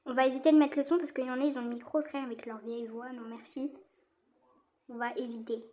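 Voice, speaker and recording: A high, girlish voice belongs to a young woman from France who narrates her online game as she plays. She chatters in slang, repeats her protests, and keeps breaking into laughter. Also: fast. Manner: excitable, repeats herself, laughs often; slangy teen talk. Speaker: gaming streamer. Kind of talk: casual gaming commentary.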